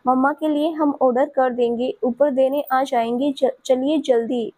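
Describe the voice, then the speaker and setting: A woman voicing a playful, quick-tempered young woman. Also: sits high, steady tone, warm tone. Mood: annoyed.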